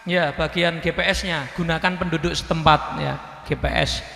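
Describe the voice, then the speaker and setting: A man preaching a lively storytelling sermon, joking with the audience and quoting scripture. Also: on the high side, moderate pace, creaky. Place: school hall. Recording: echoey hall reverb.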